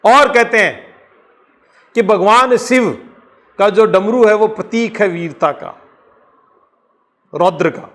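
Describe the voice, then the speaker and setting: A male teacher speaking with a Rajasthani accent, his voice high-pitched and a bit bright, runs an exam-prep lecture. He explains at a slow pace, repeats what matters most, and answers the questions he raises.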